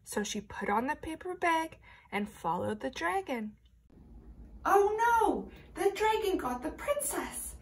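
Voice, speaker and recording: In an extremely high, sing-song voice, a woman teacher slowly reads a picture book to little children. She tells the tale expressively, now and then lowering to hushed whispers.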